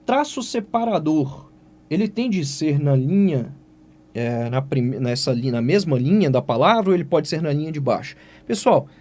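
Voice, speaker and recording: Lively Brazilian teacher asking himself questions. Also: male voice, fairly high pitch. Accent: Brazilian Portuguese. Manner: lively, asks and answers his own questions. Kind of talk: exam-prep writing lesson.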